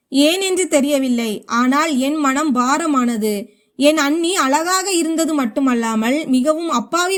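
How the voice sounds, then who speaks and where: High-voiced woman storyteller. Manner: steady first-person storytelling. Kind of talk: scripted story narration.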